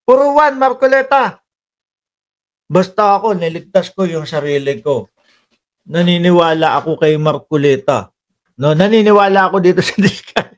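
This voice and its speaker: Filipino guy vlogging about politics, high voice, chatty n animated, laughs a lot. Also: moderate pace, long pauses. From Philippines. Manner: chatty, animated, mixes Tagalog and English, frequent laughs. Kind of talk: casual commentary over played clips.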